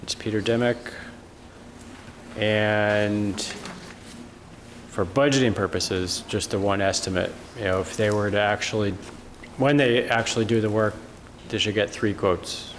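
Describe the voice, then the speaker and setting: A man with a fairly low voice gives an informal report at a meeting. The room adds long reverberation, with faint noise underneath. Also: fairly even intonation, a little slow.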